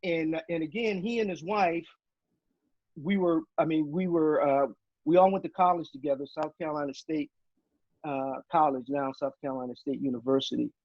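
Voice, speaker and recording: Halting retired army man, muffled sound. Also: a little high, fairly even intonation, no echo. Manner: halting, many fillers and restarts. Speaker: guest, retired army officer. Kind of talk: casual interview storytelling.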